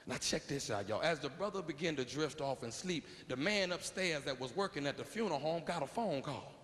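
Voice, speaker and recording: A man's voice: a little high, lively intonation, brisk, fairly bright tone, slight background noise. A man telling a comic tale in a folksy manner, talking straight to his audience. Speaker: storyteller. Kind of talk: comedic storytelling. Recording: echoey hall with faint ambience.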